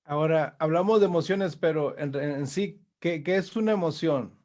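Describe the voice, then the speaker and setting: Male interviewer, hesitant, restarts his questions, slightly high pitch. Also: moderate pace, a little mellow.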